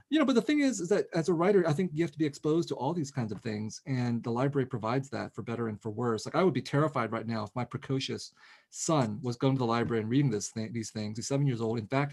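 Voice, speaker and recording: A middle-aged man speaks quickly and in bursts, often restarting his sentences as he goes. He is an author in a relaxed conversation, heard over a video call. His pitch sits in an ordinary middle range. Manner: animated, quick, with many restarts. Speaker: author guest. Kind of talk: casual conversation.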